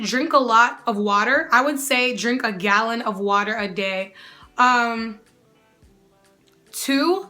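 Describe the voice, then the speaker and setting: Talking straight to camera, a young American woman answers viewer questions in a casual Q&A vlog. She's sassy and animated, often calling the viewer "girl," with a bright, ringing tone pitched a little high and lively banter throughout.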